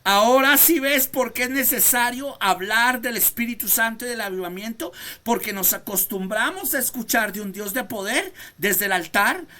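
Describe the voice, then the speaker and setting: A preacher leads a Bible class over a video call. The voice is bright and forceful, emphatic and full of rhetorical questions. They call on the students by name as they teach. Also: mid-range voice. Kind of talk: fervent preaching lesson to students.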